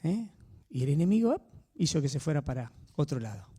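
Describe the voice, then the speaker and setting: Male preacher, Rioplatense accent, lively pitch, keeps asking the congregation questions. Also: fairly quick, husky. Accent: Rioplatense Spanish. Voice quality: animated, swinging pitch. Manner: conversational, asks the audience frequent tag questions. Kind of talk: sermon.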